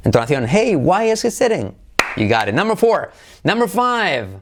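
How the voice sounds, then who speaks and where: A man with a Spain Spanish accent teaches English to learners on video. He is energetic and drills each phrase through steady repetition. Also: sits high, measured pace, background noise.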